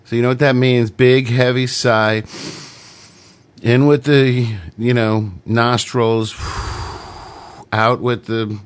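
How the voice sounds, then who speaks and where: A man's voice: medium pitch, level tone, takes it slowly, clean tone. Man hosting a joking radio show. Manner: playful, rambling, mock-grandiose. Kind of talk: comedic internet radio hosting.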